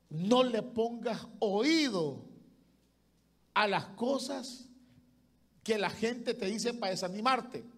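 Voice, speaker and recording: High-voiced preaching man, impassioned. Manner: impassioned preaching, swinging between loud and hushed. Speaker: pastor. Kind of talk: sermon.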